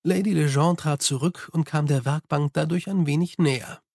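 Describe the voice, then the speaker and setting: A man narrating an audiobook in a steady, measured storytelling manner. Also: fairly high pitch, vocal fry, no room sound, studio quality. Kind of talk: scripted narration.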